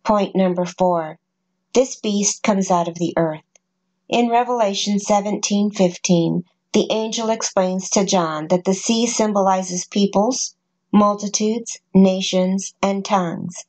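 A woman in a scripted narration, reading scripture and numbered points at a measured, even pace. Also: mid-range voice. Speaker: prophecy narrator.

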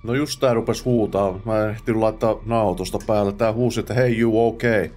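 Man muttering through a let's play, fairly low voice, casual self-talk, faint music behind. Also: steady tone, darkish tone. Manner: chatty self-talk, mutters while playing; drops English exclamations and curses. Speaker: gamer host.

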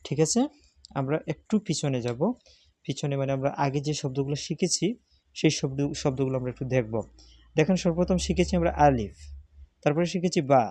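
A man's voice: fairly high pitch, warm tone, dry recording. Man, patient tutor, repeats letter names, dry recording. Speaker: Arabic alphabet teacher. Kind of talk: step-by-step spoken lesson.

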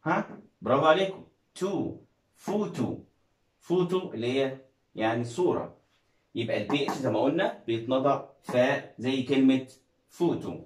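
A man with an Egyptian Arabic accent gives a classroom-style video lesson on English reading, drawing viewers in with questions and praise. His medium-pitched voice sounds reverberant on a low-quality recording.

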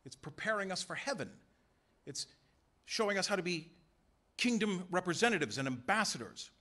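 A man preaching a sermon in a church, emphatic and full of rhetorical questions and quick voiced asides. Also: high-pitched, sing-song, sharp tone. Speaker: pastor. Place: church sanctuary.

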